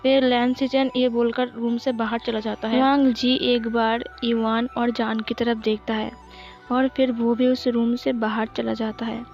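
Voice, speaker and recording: A woman's voice: fairly high pitch, flat delivery, a little slow. A woman casually narrating a fan story in a chatty, repetitive way, with lots of fillers. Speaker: fanfiction storyteller. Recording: slightly dull, faint music behind.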